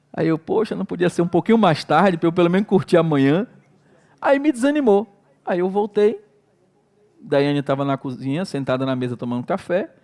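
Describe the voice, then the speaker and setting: Telling his sermon like a story, this middle-aged Brazilian pastor dramatizes his prayers and exclamations. He has a darkish tone, a voice pitched high for a man, and an unmistakable Brazilian Portuguese accent.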